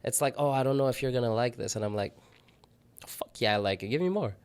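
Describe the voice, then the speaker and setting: A laid-back man on a podcast, mid-pitched, relaying stories in a loose, conversational way. He swears casually and keeps things light, in plain everyday chat. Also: fast, clean tone. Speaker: podcast co-host.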